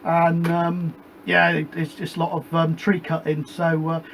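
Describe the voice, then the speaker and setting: In his home shed radio room beside a gas fire, a high-voiced British CB operator and show host chats on a CB net, rambling and signing off each turn with "back to you." His delivery is monotone, a little slow and creaky, with a slightly bright tone, over slight background noise.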